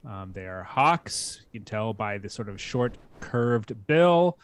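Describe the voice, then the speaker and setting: A middle-aged man co-hosting a live bird question show, explaining in a measured way and thinking aloud. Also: fairly low pitch, lively intonation, clear, resonant tone. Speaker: co-host answering bird questions. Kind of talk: casual live stream chat.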